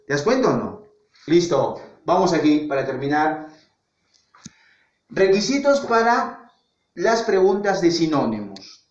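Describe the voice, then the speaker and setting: Man teaching, lively and echoey. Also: high voice. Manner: asks rhetorical questions and answers them himself; repeats key words for emphasis. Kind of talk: classroom lesson. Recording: echoey, dull lo-fi classroom recording.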